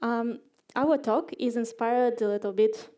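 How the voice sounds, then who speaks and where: A woman's voice: a little high, measured pace, mellow. A young woman from Ukraine giving a casual, playful conference talk, with lots of fillers. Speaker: conference speaker. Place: conference hall stage.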